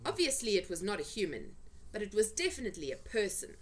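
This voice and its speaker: An amateur storyteller reads a children's storybook aloud for her family, using dramatic, suspenseful narration that stresses key words. Her voice is mid-range and sing-song, she reads fast, and there's slight background noise.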